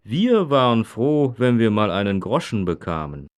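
A man's voice: on the low side, sing-song, moderate pace. Man acting a grumpy old man, grumbling nostalgically. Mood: grumbling, nostalgic. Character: grumpy old father nostalgic for the good old days. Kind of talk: scripted language-lesson dialogue.

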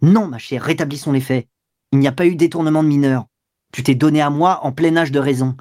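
A man's voice: fairly high pitch, a little fast, darkish tone, no room sound, natural voice. A brusque, sneering young man, as a reader voices him, cold and impatient, snapping out his words. His voice is close and dry, with no room sound at all. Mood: harsh. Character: curt, scornful young man, a cynical lover.

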